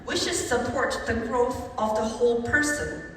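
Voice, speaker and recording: A young woman from Taiwan with a Taiwanese accent, giving an animated competition speech in English with emphatic rhetorical rises. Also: on the high side, measured pace, slight background noise. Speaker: speech contestant. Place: large conference hall. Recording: echoey hall from far off, faint ambience.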